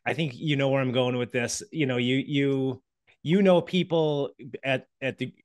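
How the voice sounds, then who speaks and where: Upbeat podcast host on a dry headset. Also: male voice, medium pitch, fairly even intonation, normal speed, no room sound. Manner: warm, upbeat, frequent fillers and restarts. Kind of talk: casual interview. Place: home office. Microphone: headset on a video call.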